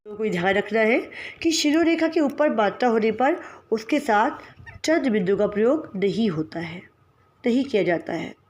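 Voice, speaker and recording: A woman teaching a grammar lesson, spelling out example words one at a time and explaining rules with careful pauses. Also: a little high, lively intonation, darkish tone.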